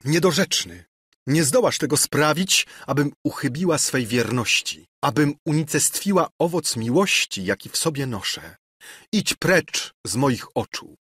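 A man's voice: sing-song, measured pace, fairly bright tone, husky, no room sound, clean studio sound, exaggerated voice. A man reading an audiobook raises his voice to play a devout young noblewoman, scornful and indignant. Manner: high, scornful outbursts.

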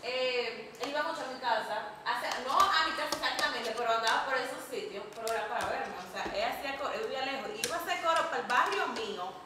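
A young woman with a Dominican accent, telling a personal story in a relaxed, joking way. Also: on the high side, fast, hardly any pauses. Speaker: panelist in a group chat. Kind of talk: casual chat, storytelling. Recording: echoey room, distant mic, noise.

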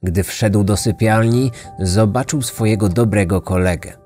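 A man reading a scripted true-crime story in a measured, dramatic way. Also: lowish voice, mellow, soft background music. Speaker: podcast narrator.

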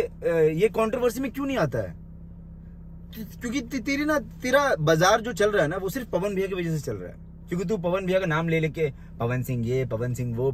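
A man's voice: sits high, slight background noise. A young man in a small room delivering an angry, insulting rant into his phone, mocking and confrontational. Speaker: social media commentator.

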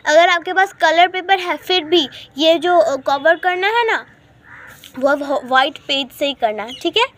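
A woman's voice: very high voice, measured pace, a bit bright. A woman hosting a casual step-by-step craft tutorial at home, chatty and calling viewers guys, repeating her instructions as she works. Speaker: craft video host.

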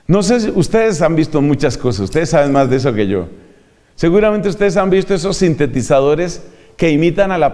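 Man, measured lecturer on preaching, fairly high voice, long hall echo. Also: a little mellow. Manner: measured, demonstrates vocal range. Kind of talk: homiletics lecture.

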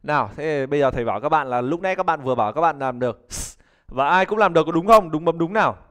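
A man's voice: a little high, lively intonation, fast talker, fairly bright tone, clear, resonant tone. A man, teaching a live online pronunciation class in a chatty, joking way and calling on students to answer. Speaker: English teacher.

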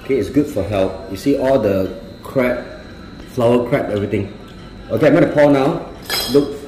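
A man's voice: mid-range voice, normal speed, mellow, a little hiss or hum. A man in his forties making a casual food vlog at a restaurant table, talking in simple broken English while he eats. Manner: talks with his mouth full, simple broken English, mixing in Vietnamese. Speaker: vlogger. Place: small private room in a restaurant, indoors. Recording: echoey room with music playing.

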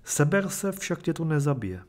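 A man reading the lines of an impatient grown son who lectures his mother and calls out loudly. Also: a little high, big pitch swings. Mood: scolding. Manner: lecturing, then crying out.

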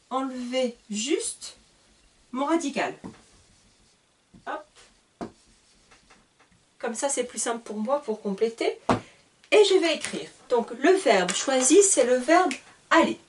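A patient woman teacher explains grammar at a whiteboard, taking her time over every word. Her voice sits a little high and is heard from some distance, as if from a camera across the room. She spells endings out letter by letter and stops to correct herself. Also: background noise. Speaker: French teacher. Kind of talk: slow whiteboard grammar lesson. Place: classroom at a whiteboard. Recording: voice a little far from the mic.

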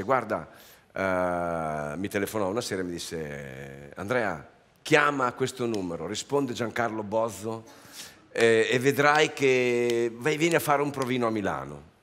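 A man's voice: fairly low pitch, a bit bright. A man, a comedian guest, telling self-mocking stories in casual on-stage chat. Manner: laughing, self-mocking storytelling. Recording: large hall with audience. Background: audience crowd.

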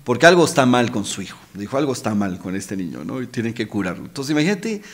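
A man's voice: mid-range voice, big pitch swings, fast talker. Earnest, emotional man. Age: middle-aged. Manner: emotional, earnest, repeats words and adds tag questions. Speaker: podcast guest. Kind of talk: casual heartfelt conversation. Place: podcast studio.

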